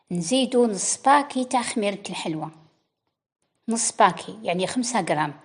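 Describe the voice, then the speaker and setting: A woman's voice: mid-range voice, darkish tone, husky. A woman with an Algerian Arabic accent, giving a chatty step-by-step baking tutorial and talking straight to her viewers. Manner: instructive, chatty, addressing viewers directly. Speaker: cooking channel host. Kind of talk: cooking tutorial voice-over.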